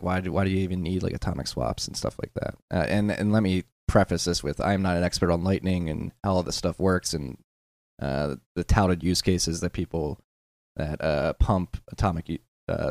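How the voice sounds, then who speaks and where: Deep, gravelly podcast guest. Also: male voice, a little mellow, dry recording, studio quality. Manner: hesitant, self-deprecating, many fillers. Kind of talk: casual podcast conversation.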